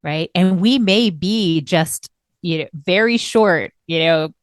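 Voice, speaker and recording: A woman's voice: fairly low pitch, takes it slowly, no room sound, clean studio sound. A woman co-hosting a motivational podcast from a remote setup, talking earnestly and reflectively, often checking in with "right?". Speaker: podcast co-host. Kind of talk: casual motivational chat. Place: recording remotely, apart from her co-host.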